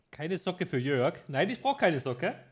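A man in his twenties streams a game from his room at home, chatting casually and teasing his friend in joking banter. His voice sits high and is slightly rough.

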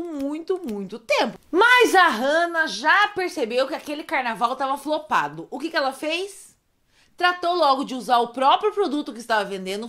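Recapping funny moments from roleplay streams, a woman storyteller talks casually with a high, fairly bright voice. She's chatty and giggly, tosses asides to viewers, and keeps breaking into laughter.

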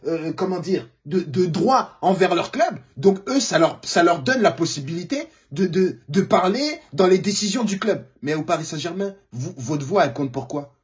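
Brief: male comedian, comic football rant, very husky and breathy voice, over-the-top indignation. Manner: indignant, exaggerated, rhetorical questions; swings between shouting and low muttering. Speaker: comedian commentator.

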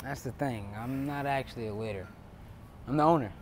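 A man's voice: mid-range voice, brisk, a little hiss or hum, natural voice. A man playing a patient, friendly waiter. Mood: kind. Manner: polite, patient, relaxed. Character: friendly easygoing male waiter, secretly the owner. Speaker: actor in a web skit. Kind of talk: scripted skit acting. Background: background music.

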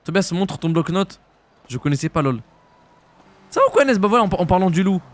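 A young French man streaming a roleplay game, chatting casually in slang and jumping into high shouts. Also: lively intonation. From France. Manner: casual slangy banter, quick jumps to high-pitched shouts. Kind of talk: live-stream roleplay chat.

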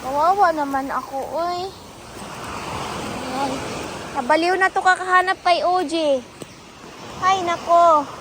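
A woman's voice: extremely high pitch, takes it slowly, long pauses. A woman vlogging outdoors by the sea, chatty and playful. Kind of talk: casual outdoor vlog. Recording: loud waves and outdoor noise. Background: sea waves.

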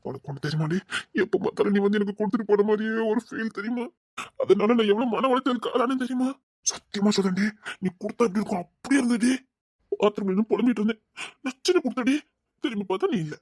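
Woman voicing a lovesick husband, husky and dry, for an audio drama; insistent, coaxing, possessive. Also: medium pitch, animated, quick pace, a little mellow, no room sound. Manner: pleading, insistent, swings between coaxing and threats. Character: possessive lovesick young husband, pleading and stubborn.

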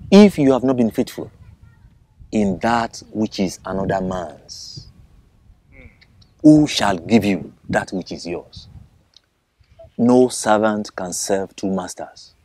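An actor with a Nigerian English accent playing a calm, authoritative spiritual teacher who quotes scripture in a measured, solemn way. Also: male voice, on the low side, poor audio. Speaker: teacher, preacher figure. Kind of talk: scripted film dialogue.

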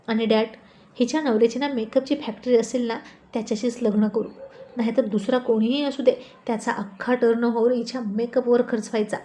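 A woman voicing a teasing young adult brother who is loud, bossy and playful. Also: a little high, fairly even intonation, a little fast, a little hiss or hum, close to an everyday voice.

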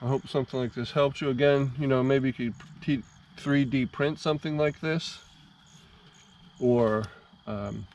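In a casual how-to vlog about his motorcycle, a man speaks haltingly with lots of ums and restarts, keeping his intonation fairly even. He later continues from inside a full-face helmet on the highway, where the helmet mic sounds muffled under heavy wind and road noise.

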